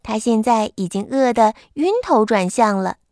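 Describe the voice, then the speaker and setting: Woman bedtime-story reader, somewhat high voice, gentle with kids, very dry close mic. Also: moderate pace, no room sound. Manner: gentle, addressing children. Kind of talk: bedtime picture-book reading.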